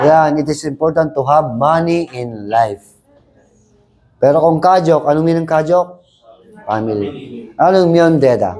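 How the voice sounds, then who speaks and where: A man runs a language lesson, moving between Tagalog, English and Korean as he explains grammar. His voice is mellow and warm, and he keeps the class repeating lines together. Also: on the high side. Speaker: language teacher. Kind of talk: Korean exam review class.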